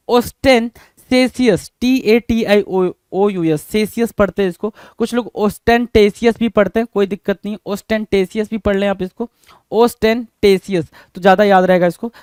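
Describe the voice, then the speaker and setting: A man's voice: sits high, clear, resonant tone, no room sound, studio quality. A man with an Indian accent, a Hindi speaker, teaches English vocabulary for exam prep and keeps asking rhetorical questions, calling the viewers "bhai".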